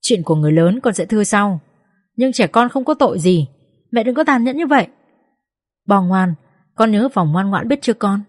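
A woman voicing a young husband who pleads with his angry mother to calm down. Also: mid-range voice, moderate pace, pauses often, no room sound, clean studio sound, natural voice. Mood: pleading.

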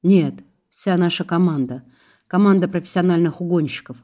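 A woman's voice: fairly low pitch, moderate pace, mellow, close to an everyday voice. Woman voicing a remorseful young car thief.

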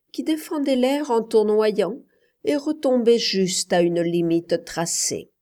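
A woman with a mid-range voice narrates a literary novel as an audiobook reader. Her storytelling is measured and even.

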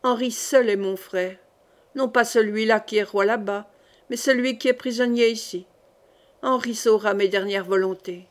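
A woman's voice: on the high side, normal speed, close to an everyday voice. A woman reading the part of a dying young king, grave, solemn and commanding.

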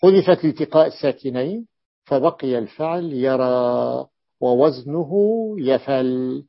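A man's voice: medium pitch, a little slow, gravelly, lo-fi sound. A man teaching Arabic morphology, explaining a classical text, repeating key forms and calling on a student to read on. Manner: repeats key forms and invites the reader to continue.

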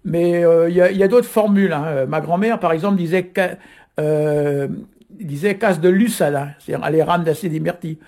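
A man from Brittany explains words on radio, pausing often on fillers as he thinks aloud. His voice is mellow and somewhat husky, pitched a little higher than most men's. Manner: hesitant, filler-heavy, explanatory. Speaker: Breton language guest teacher.

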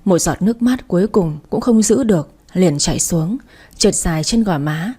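A woman's voice: lowish voice, animated, moderate pace, mellow, slightly rough. A woman narrating a romance story in the first person, in a sorrowful, wistful reading style. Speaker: audiobook narrator.

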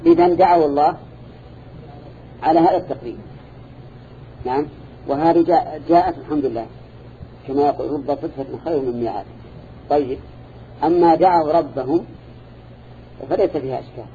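Male teacher, deep mellow tone, measured classroom delivery, muffled lo-fi recording. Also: a little hiss or hum. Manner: measured, quizzes listeners with repeated "ha?" and "na'am". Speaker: teacher of Quran interpretation. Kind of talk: classroom lecture with questions to students. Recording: dull lo-fi recording.

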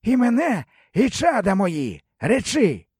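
A male audiobook narrator voicing a stern, commanding old pagan elder with a husky, drawn-out and solemn delivery. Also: sits high, huge pitch swings, darkish tone, no echo, studio quality, pitched above the performer's own voice, full character voice. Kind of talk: audiobook character voice.

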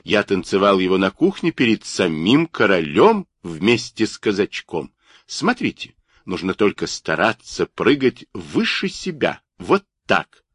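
A man's voice: low voice, big pitch swings, a little slow, a bit bright, husky, no echo, studio quality, exaggerated voice. A man voicing a boastful, quarrelsome little male toy figurine with a bragging, squealing manner. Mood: excited.

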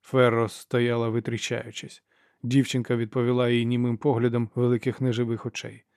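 A man narrating an audiobook in a steady, measured reading. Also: mid-range voice, dry recording, studio quality. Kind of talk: scripted narration.

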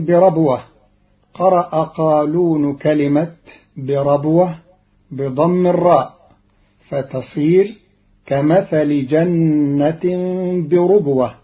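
Slow, measured man on old radio. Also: fairly high pitch. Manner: measured, deliberate explanation. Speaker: teacher of Quran readings. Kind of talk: scripted radio lesson. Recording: dull lo-fi old radio recording.

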